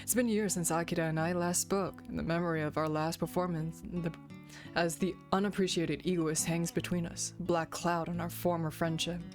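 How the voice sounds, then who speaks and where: A woman's voice: fairly low pitch, fairly even intonation, normal speed. A woman streamer reading a visual novel aloud and joking between passages. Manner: playful, giggly asides. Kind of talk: reading a game aloud and commenting. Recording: background game music.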